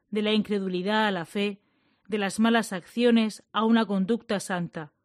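A woman giving a measured, solemn liturgical reading. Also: mid-range voice, darkish tone, dry recording, studio quality.

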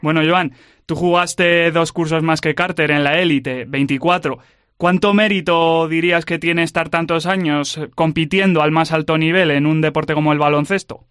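A man hosting a sports radio interview, asking measured questions. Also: fairly high pitch, steady tone, a bit bright, clean tone, no room sound, studio quality.

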